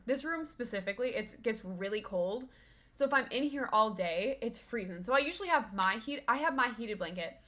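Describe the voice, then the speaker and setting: A woman's voice: a little high, sharp tone. A young woman chatting casually on a live stream from her room at home, rambling and cooing baby-talk at her dog. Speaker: livestreamer.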